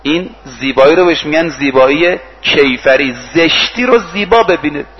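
A man's voice: a little high, in a large hall, lo-fi sound. A male preacher giving a sermon. He retells stories, acts out the speakers' lines and recites Arabic verses. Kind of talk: sermon with storytelling.

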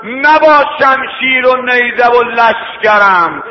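A man voicing a defiant holy man challenging a tyrant, in a high proclaiming voice. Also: recorded from a distance. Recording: echoey hall, dull lo-fi sound.

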